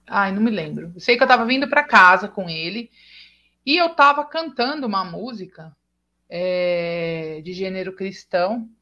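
A woman's voice: mid-range voice, sharp tone. A Brazilian woman hosting a casual chat who tells stories animatedly and acts out quoted dialogue. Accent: Brazilian Portuguese. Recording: dull lo-fi sound.

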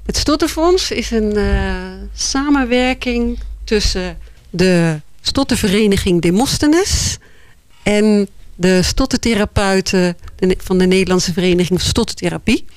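A woman guest answers interview questions thoughtfully, pausing often as she searches for words. Her voice is middle in pitch. The recording is dry and close. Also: dry recording. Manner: thoughtful, hesitant, many "eh" and "ja" pauses. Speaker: board member of a foundation, interview guest.

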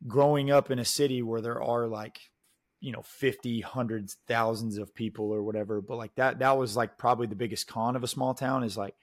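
A man in his late twenties telling stories in a casual, animated chat and acting out the people in them. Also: medium pitch, brisk, no echo, clean studio sound. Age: late 20s. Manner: animated storyteller, full of "dude" and "like".

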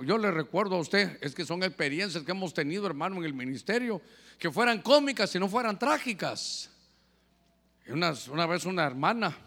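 A man delivers a sermon in a bright, high voice, calling out to his listeners and questioning them. He swings between loud emphasis and hushed asides. The long reverb of a hall carries his voice. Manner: addresses listeners as brother, asks questions. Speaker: preacher.

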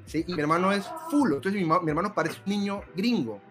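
Young colombian guy chatting on a podcast, acts out quotes, tends to repeat himself, music playing loud. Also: high voice, quick pace. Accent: Colombian Spanish. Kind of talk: casual storytelling chat.

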